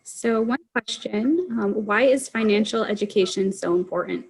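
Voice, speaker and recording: A woman's voice: medium pitch, moderate pace, gravelly, breathy edge, low-quality recording. Woman moderator on a video call, short and matter-of-fact, reading out questions. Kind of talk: online workshop moderation.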